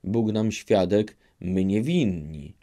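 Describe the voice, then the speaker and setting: Man doing old peasant elder, pleading, rustic speech, pitched up, slow. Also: expressive, dark tone.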